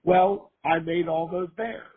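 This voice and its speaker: An older man, hoarse from a cold, chatting casually as an interview guest and rambling with lots of fillers. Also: high voice, steady tone, slow. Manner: rambling, full of fillers and restarts. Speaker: guest, former costume maker. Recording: tinny phone-line sound.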